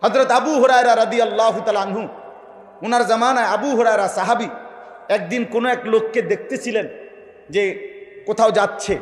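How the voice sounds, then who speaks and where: A man preaching a sermon, impassioned, rising to shouts and questioning the crowd. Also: high voice. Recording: echoey hall with long reverb.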